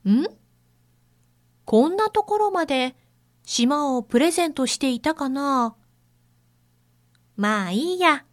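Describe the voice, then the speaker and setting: A woman voicing a cheerful young male zebra with a bright, childlike manner. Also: high voice, lively intonation, slow, long pauses. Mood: puzzled. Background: faint music.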